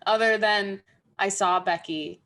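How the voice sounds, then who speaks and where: Woman cohost on a video call, plain matter-of-fact way of telling stuff, regular mid pitch. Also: fairly even intonation, takes it slowly, fairly bright tone. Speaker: podcast co-host. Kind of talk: casual chat over a video call.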